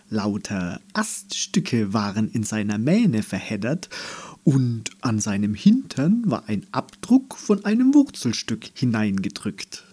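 A man narrating a children's story in German, reading in a slow, expressive manner. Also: husky. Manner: slow, expressive, lively pitch.

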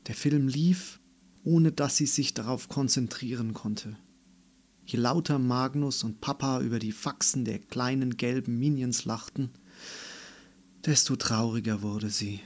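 Slow, calm male storybook narrator. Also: medium pitch.

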